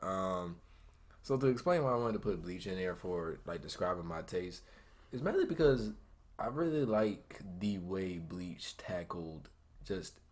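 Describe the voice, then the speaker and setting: Deep-voiced young American man chatting casually. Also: expressive, measured pace. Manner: slangy, joking, teasing. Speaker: podcast co-host. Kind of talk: casual chat about anime.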